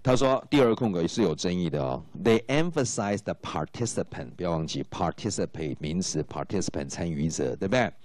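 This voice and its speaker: Low-voiced animated male English tutor. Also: fairly quick, few pauses, no echo. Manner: animated, explains in Mandarin with English phrases read aloud; checks in with students often. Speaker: English teacher. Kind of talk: exam-prep lecture.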